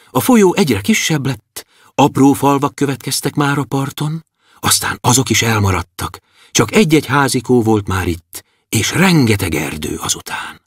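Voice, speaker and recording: Male children's audiobook narrator, animated and expressive, close studio mic, dry sound. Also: fairly low pitch, slightly rough, no room sound. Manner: lively, expressive storytelling.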